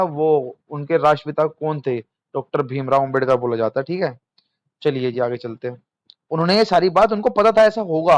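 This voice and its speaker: Young man, exam tutor, chatty lecture, slightly high voice, dry dull sound. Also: no echo. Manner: chatty, addresses students as friends, asks and answers himself. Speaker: exam coaching teacher. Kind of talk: casual lecture.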